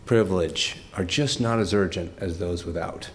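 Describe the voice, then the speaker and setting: An older man giving heartfelt off-the-cuff remarks at a tribute, emotional and close to tears, speaking haltingly with many restarts and laughing through it. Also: deep voice, slight background noise. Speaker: speaker at a corporate tribute event.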